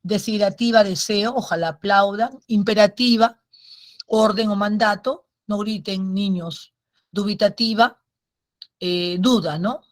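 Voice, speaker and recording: A woman teacher giving an online grammar lesson, patient and explanatory, repeating key points and checking in with short tag questions. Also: mid-range voice.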